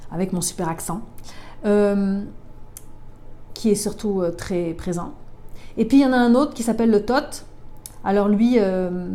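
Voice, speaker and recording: A woman's voice: medium pitch, mellow. A woman, a tarot reader chatting informally to the viewer in a casual explanatory video.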